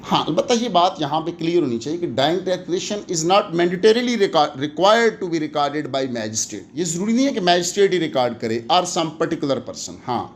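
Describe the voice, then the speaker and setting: Speaking at a moderate pace with hardly any pauses, a Pakistani-accented man with a highish voice and big pitch swings gives an explanatory law lecture for exam prep. He teaches didactically, mixing Urdu and English and answering questions he raises.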